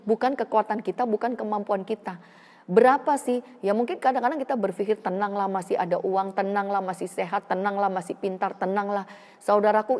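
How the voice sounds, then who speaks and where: A woman's voice: medium pitch, a little mellow. Woman pastor preaching in a reverberant hall. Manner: conversational preaching, repeated direct address to the congregation. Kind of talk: sermon. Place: church hall.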